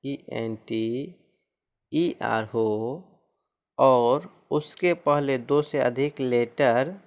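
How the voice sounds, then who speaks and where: A man's voice: mid-range voice, extremely slow. A man teaching pronunciation rules who repeats each point and asks and answers his own questions, speaking. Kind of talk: classroom-style explanation.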